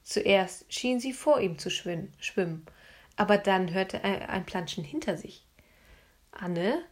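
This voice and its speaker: A woman narrating a children's storybook in a hushed, suspenseful manner. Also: mid-range voice, animated, a little slow, husky. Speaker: audiobook narrator.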